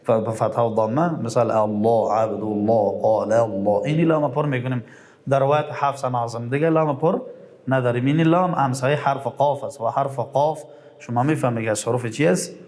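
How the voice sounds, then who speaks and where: A middle-aged man with an Afghan Dari accent teaching a Quran recitation lesson. He quizzes his listeners, answers his own questions, and draws out recited words slowly. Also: mid-range voice, darkish tone.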